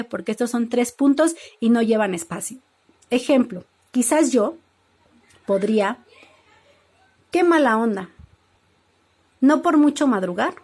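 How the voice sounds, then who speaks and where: Woman teacher, higher pitch, patient explanatory classroom delivery. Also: a little mellow. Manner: explanatory, reads examples aloud. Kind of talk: classroom lesson.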